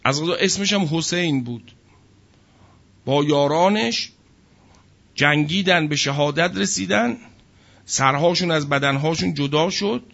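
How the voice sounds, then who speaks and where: A man's voice: fairly high pitch, vocal fry, pauses often, fairly bright tone, highs cut off. A man giving a sermon to an audience, emphatic and full of rhetorical questions. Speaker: religious speaker.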